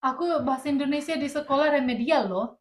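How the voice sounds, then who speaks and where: A woman's voice: high-pitched, quick pace. A woman hosting a podcast interview in a casual, conversational way. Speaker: podcast host.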